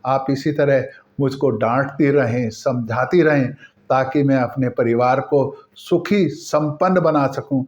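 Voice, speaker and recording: A man's voice: mid-range voice, slow pace, a little mellow, roomy sound, voice pushed down, natural voice. A man voicing a humble young wife who pleads with her mother-in-law. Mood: humble pleading.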